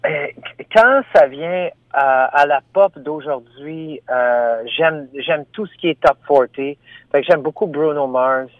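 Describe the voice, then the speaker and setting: A Franco-Ontarian singer from Ottawa, Ontario, speaks French with that accent in a phone interview over a tinny telephone line. His voice is fairly high and slow, hesitant and full of fillers and restarts. The recording is dry.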